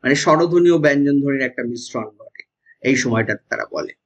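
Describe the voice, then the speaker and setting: Husky-voiced Bengali teacher explaining. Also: male voice, medium pitch, fast. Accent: West Bengal Bengali. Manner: explanatory, often checks with "ঠিক আছে?". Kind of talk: exam-prep lecture. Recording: dull lo-fi sound.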